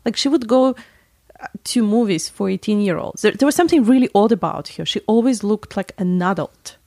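A woman's voice: medium pitch, animated, fairly quick, dark tone, no room sound. A woman from Latvia, chatting casually and telling a rambling story, often correcting herself mid-sentence. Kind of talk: casual chat.

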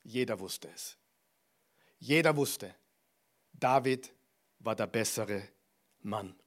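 Ein Prediger im Plauderton. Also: male voice, lowish voice, takes it slowly. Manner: conversational, addresses listener directly, drops to soft asides. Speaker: preacher. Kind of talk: sermon.

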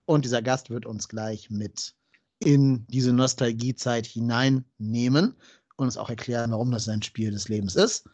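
A man's voice: medium pitch, darkish tone. A man hosting a podcast in a chatty, conversational way, speaking directly to his listeners. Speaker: podcast host.

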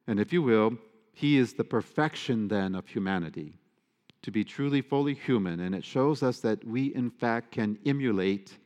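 A man, a priest, giving a sermon with earnest emphasis and playful asides. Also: mid-range voice. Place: church. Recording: long church reverb.

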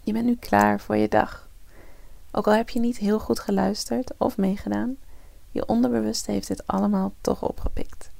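A woman guiding a morning meditation as podcast host in a soft, breathy, soothing half-whisper, slow like a spa relaxation track. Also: mid-range voice, steady tone, no room sound.

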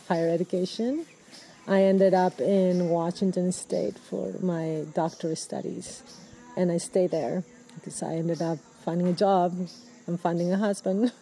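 A Peruvian woman in her fifties, an ecologist, speaking in a thoughtful, halting way with restarts and fillers, recorded outdoors in a rainforest. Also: on the low side, dark tone, low-quality recording. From Peru. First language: Spanish. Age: 50s. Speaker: ecologist guest. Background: birds, people, general activity.

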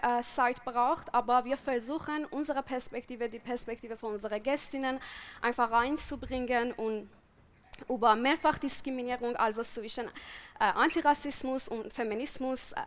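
Woman, slightly high voice. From Iran. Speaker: podcast co-host.

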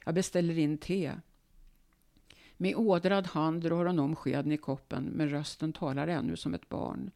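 A woman, a guest author, reading her own memoir aloud in a calm, measured way. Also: low-pitched, vocal fry.

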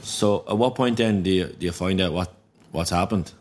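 Low-voiced Irish male interviewer. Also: moderate pace. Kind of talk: casual conversational interviewing.

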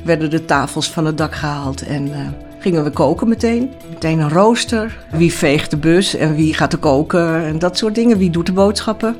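A woman's voice: sits low, normal speed, hardly any pauses, a little mellow, faint music behind. An older woman who once lived in a commune, recalling the old days in an interview, chatty and hesitant. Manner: chatty, hesitant, many fillers and restarts. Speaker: former commune resident. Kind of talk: reminiscing interview.

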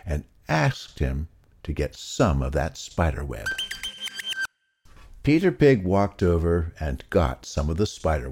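Low, slow, expressive male storyteller. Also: background noise. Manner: slow, expressive storyteller delivery, swooping pitch. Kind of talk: children's story reading.

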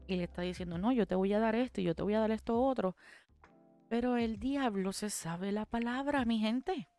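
A woman's voice: mid-range voice, a little mellow, clean tone, no echo. A woman co-hosting a podcast, talking earnestly about faith and reading Bible verses aloud, slipping English phrases into her talk. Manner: earnest, mixes in English phrases, frequent restarts. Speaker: podcast co-host.

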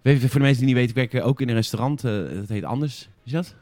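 A man's voice: mid-range voice, rapid-fire, darkish tone, no echo. A man hosting a gaming podcast in casual chat, teasing and joking with his co-host. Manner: teasing, jokey.

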